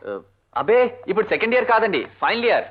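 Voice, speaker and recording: A man's voice: sits high, big pitch swings, fast. An actor playing a polite young male college student in an old film comedy. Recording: dull lo-fi film soundtrack.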